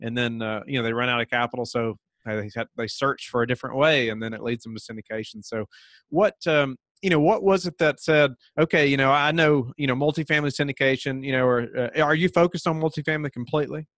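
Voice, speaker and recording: A man in his thirties hosts an interview podcast from his home office, asking questions in a relaxed way packed with fillers like "you know." His mid-range voice moves fast, and there's no room sound.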